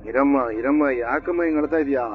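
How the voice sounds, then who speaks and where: A patient son-in-law tries to calm his family in a soothing, measured voice, as an actor plays him. The TV serial audio is thin and phone-like, with music behind. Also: medium pitch, close to an everyday voice. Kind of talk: TV serial acting.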